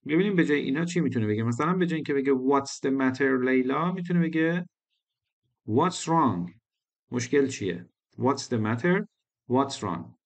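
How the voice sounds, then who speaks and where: A male English teacher explaining a lesson patiently, repeating phrases and switching between languages. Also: a little high.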